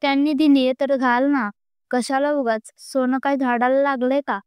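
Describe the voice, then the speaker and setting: A woman's voice: sits high, flat delivery, normal speed, smooth, dry recording, studio quality, close to an everyday voice. A woman reading the lines of a blunt, sarcastic, coaxing man in a storybook romance. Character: blunt outspoken man, the groom's friend.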